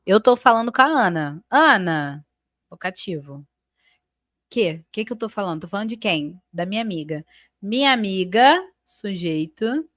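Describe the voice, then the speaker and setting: A woman's voice: medium pitch, fairly bright tone, dry recording, clean studio sound. A Brazilian woman teaching grammar in a live online class. She explains step by step, checks in often with her students, and stretches out key terms as she names the parts of each sentence. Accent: Brazilian Portuguese. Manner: stretches and stresses key words while labeling sentence parts.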